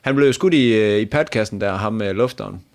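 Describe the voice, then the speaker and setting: A man's voice: lowish voice, gravelly. A man co-hosting a podcast, chatting casually with a friend, swearing and laughing often. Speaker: podcast co-host. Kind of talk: casual chat.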